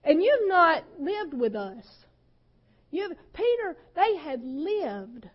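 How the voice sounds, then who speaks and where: High-voiced woman pastor preaching slowly. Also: very animated, muffled recording. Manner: impassioned, voice breaking with emotion at times, swings loud and soft. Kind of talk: sermon.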